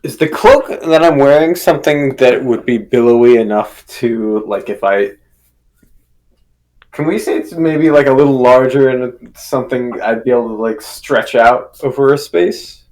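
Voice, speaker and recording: A man's voice: mid-range voice, normal speed, darkish tone, low-quality recording. A man playing a tabletop game, chatting casually and hesitantly as he thinks aloud.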